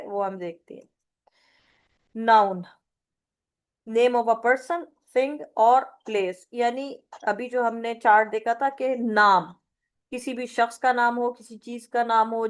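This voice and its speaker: Lady teacher doing a grammar lesson, kinda high voice, talks slow, tosses in english words. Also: clear, resonant tone. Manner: explains slowly with repeated examples; mixes English terms into Urdu. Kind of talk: online Arabic grammar lecture.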